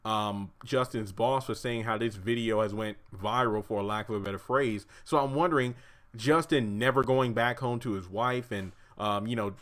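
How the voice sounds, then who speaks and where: A man's voice: fairly low pitch, normal speed, fairly bright tone. Chatty man reviewing a TV episode. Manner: chatty, laughs often, acts out characters' lines. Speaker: show reviewer. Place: his apartment.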